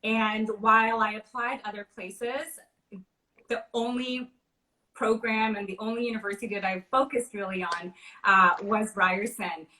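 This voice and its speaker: A woman from Trinidad and Tobago, a university recruitment manager, answering interview questions in a friendly, measured way with frequent fillers. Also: mid-range voice, fairly even intonation, pushed and bright, low-quality recording. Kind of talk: livestream interview.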